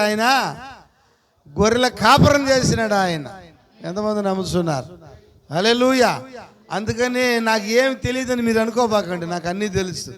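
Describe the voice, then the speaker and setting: High-voiced preacher calling out to his flock. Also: fairly bright tone. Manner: call-and-response preaching with frequent hallelujahs; playful, bleats like a sheep to the congregation. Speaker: pastor. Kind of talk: sermon. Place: church service.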